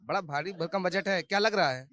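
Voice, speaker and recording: Bright high-voiced male street reporter. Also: brisk. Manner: probing, challenging questions. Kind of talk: street vox pop interview.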